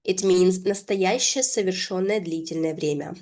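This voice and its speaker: A woman teaching an English lesson, explaining words slowly and repeating phrases for learners to copy. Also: on the low side, a little mellow. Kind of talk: bilingual language lesson.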